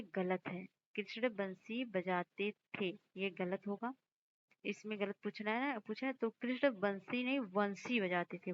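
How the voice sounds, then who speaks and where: A woman teacher going through exam questions, explaining each answer and slowly repeating words to stress their spelling. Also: mid-range voice, highs cut off, a little hiss or hum. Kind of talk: exam-prep lesson.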